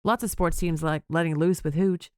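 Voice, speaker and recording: A woman's voice: on the low side, steady tone, normal speed, no echo, clean studio sound, lightly acted. A woman voicing a casual, offhand female police officer.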